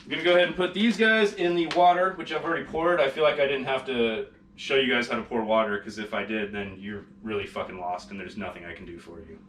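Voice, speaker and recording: A man's voice: mid-range voice, fast, fairly bright tone, slight background noise, poor audio. A sarcastic, heavily swearing man hosting a casual cooking vlog, talking as he works in a home kitchen. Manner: foul-mouthed, sarcastic. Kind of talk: casual cooking demonstration, talking while working.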